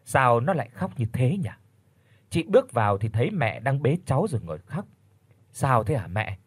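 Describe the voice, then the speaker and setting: Husky male audiobook storyteller. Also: normal speed, no room sound. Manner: lively, shifting pitch for each character's lines. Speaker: audiobook narrator. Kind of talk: storytelling narration with voiced dialogue.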